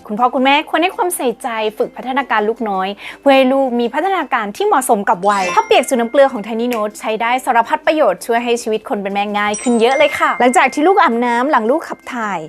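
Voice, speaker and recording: High-pitched woman explaining baby speech tips, polite and instructive, kinda like a nurse talking to parents. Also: expressive, fast talker, few pauses, soft background music. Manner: polite, instructive, uses soothing baby-talk examples. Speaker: pediatric nurse host. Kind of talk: parenting tips with sponsored product reads.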